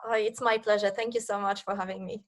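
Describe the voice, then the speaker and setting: A woman's voice: mid-range voice, flat delivery, quick pace. Enthusiastic woman with a Polish accent. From Poland. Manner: enthusiastic, eager. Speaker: guest, networking coach. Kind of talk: interview answers. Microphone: video call.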